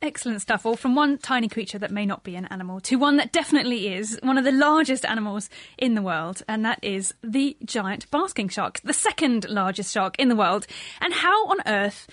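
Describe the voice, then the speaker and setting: A woman's voice: on the high side, lively intonation, a little fast, a bit bright, no echo, clean studio sound. A British woman co-hosting a science radio show, enthusiastic and effusive in a conversational way.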